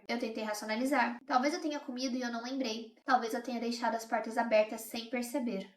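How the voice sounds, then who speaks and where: A woman's voice: a little high, echoey room. A young woman reading a first-person horror account in a tense, confiding way. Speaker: horror channel host.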